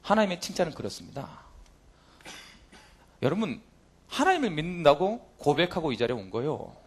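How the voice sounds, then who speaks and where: A man's voice: fairly high pitch, big pitch swings, a little fast, breathy edge. A male pastor preaching a sermon to a youth worship service, firing rhetorical questions and acting out God's voice. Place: church sanctuary.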